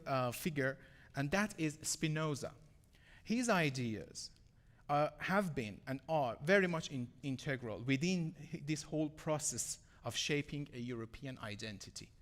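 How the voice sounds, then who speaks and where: A young man from Iran, an English speaker, giving an earnest prepared talk with measured pauses and fillers. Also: fairly high pitch. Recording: long hall reverb.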